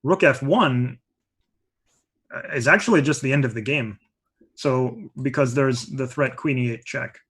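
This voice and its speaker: A man's voice: mid-range voice, unhurried, pauses often, a bit bright, breathy edge. A man giving live chess commentary in a chatty way, explaining moves with many asides.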